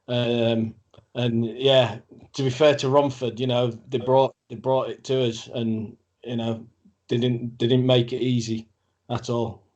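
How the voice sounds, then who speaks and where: Halting man, repeating himself. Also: mid-range voice, little pitch movement, darkish tone, highs cut off. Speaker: podcast guest, fan. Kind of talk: casual podcast chat.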